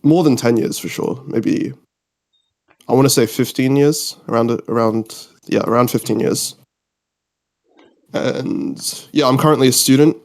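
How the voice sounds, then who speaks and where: A twenty-year-old man from Australia, born in Mauritius and once a UK resident, chats as a podcast guest in an informal, rambling way. His mid-range voice is creaky and a little mellow, and he keeps a measured pace.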